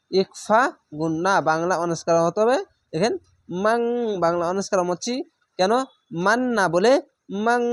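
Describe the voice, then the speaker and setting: High-voiced man spelling out Quran syllables. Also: no room sound. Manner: spells each syllable then blends it, patient instructive repetition. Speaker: Quran reading teacher. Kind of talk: slow letter-by-letter Quran reading lesson.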